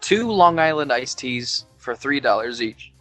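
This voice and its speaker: Here the same kind of loose, swearing podcast chat comes from a drunk man in his twenties at his Tennessee home, faint music underneath. His voice sits in the mid range, animated and fairly bright, moving at a measured pace while he rambles and mock-quotes what he reads aloud.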